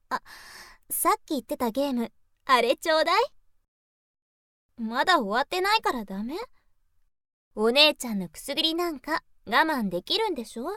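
Woman doing a playful big sis voice, high and bouncy, teasing, dry close sound, audio role-play. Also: a bit bright, no room sound, full character voice. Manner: teasing, coaxing, sing-song. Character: teasing playful older sister, young woman.

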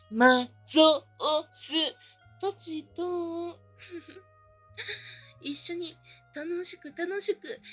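A woman's voice: sits high, fairly bright tone. A woman performing an adult roleplay as a maid, speaking in polite maid phrasing with a mocking, teasing manner and frequent giggles.

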